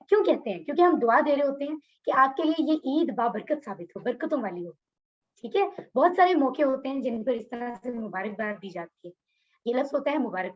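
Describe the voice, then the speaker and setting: A woman's voice: sits high, dull audio. A woman teaching a Quran class over a video call, explaining words patiently and asking her students questions. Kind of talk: online class lecture.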